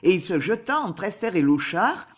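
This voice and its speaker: A woman narrating a classic novel as an audiobook, in an expressive, animated reading. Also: medium pitch, moderate pace, husky. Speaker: audiobook reader.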